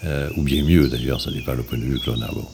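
Older marseille guy, super low voice, thoughtful, lots of pauses, noisy background. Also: gravelly, darkish tone. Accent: strong Marseille. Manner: thoughtful, hesitant with many pauses. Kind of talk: reflective interview testimony.

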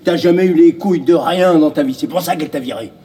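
An actor playing a vicious man who crudely mocks and goads a grieving rival, shouting, in a radio drama. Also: fairly high pitch, a little fast, noisy background, close to an everyday voice. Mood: jeering.

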